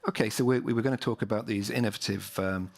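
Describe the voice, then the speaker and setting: A man's voice: on the low side, steady tone, fast, vocal fry. A man moderating a conference panel, handing over to speakers and asking questions.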